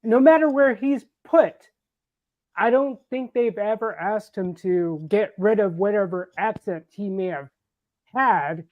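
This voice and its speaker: A man's voice: high-pitched, measured pace, no room sound. American man, dull lo-fi stream audio. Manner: thoughtful, rambling with restarts. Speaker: livestream co-host. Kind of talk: casual chat.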